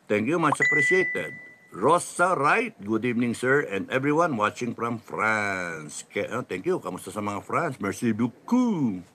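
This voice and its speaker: A middle-aged Filipino man hosting a casual livestream, reading viewer comments, laughing often and dropping to a low mutter after his jokes. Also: sing-song, measured pace, noisy background. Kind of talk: casual livestream talk, mixing Tagalog and English.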